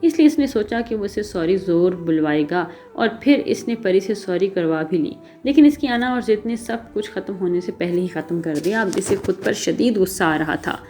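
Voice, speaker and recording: A woman narrates an episodic novel in a steady, even storytelling delivery. Her voice sits at an ordinary middle pitch. Quiet background music runs under the reading. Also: hardly any pauses.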